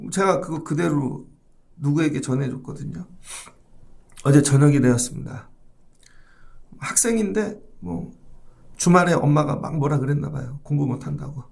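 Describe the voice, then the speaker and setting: Middle-aged male pastor, gravelly and a touch high-pitched, conversational church sermon. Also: darkish tone. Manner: conversational preaching, addresses the congregation directly. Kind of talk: early-morning sermon.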